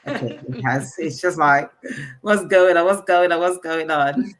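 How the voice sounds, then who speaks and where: Low-voiced woman on a video call. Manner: halting, many fillers and restarts. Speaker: AI coach for entrepreneurs.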